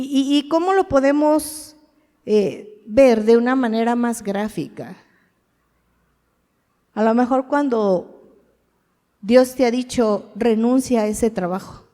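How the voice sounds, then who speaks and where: A woman with a fairly high, slightly mellow voice preaches a sermon, speaking conversationally to the congregation. She asks them questions and acts out short quoted bits of dialogue, while a long hall reverb trails her words.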